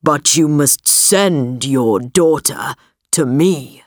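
A woman voicing a huge, ugly male beast in a read-aloud storybook, speaking slowly and sternly in a lowered voice. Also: no echo, studio quality, full character voice.

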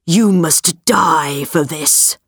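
A huge, ugly beast, as a woman reader puts him on, stern and slow. The voice is dropped low and each word is drawn out. The recording is close and dry, like a course-book audio. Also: breathy edge, no echo, exaggerated voice. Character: huge ugly male beast, gruff but kind.

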